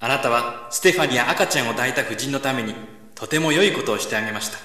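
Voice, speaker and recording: A man plays a gentle, kind divine voice in a radio drama. It sounds bright and clear, wrapped in a long, roomy reverb. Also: mid-range voice, quick pace, lightly acted. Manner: gentle, reassuring.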